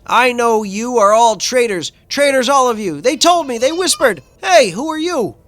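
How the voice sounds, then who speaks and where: A man voicing a paranoid male traitor soldier who shouts in a shrill, frantic way. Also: expressive, normal speed, no room sound.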